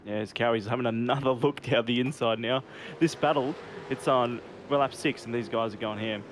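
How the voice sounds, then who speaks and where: A man's voice: mid-range voice, brisk. A man giving casual motorsport commentary as co-commentator on a sim race. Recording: constant car engine noise. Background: race cars and engine noise.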